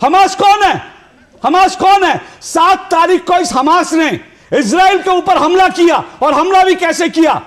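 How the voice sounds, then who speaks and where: A male TV news anchor in a heated debate, shouting and hammering the same phrases over and over. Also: very high-pitched, expressive, a little slow. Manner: shouting, repeating phrases insistently.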